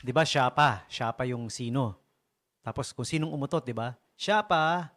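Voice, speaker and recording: A man's voice: medium pitch, normal speed, very noisy. A man, a radio DJ telling funny stories in a casual, joking way and laughing often. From Philippines. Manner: joking, chuckling often, animated. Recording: radio broadcast with music behind. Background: music.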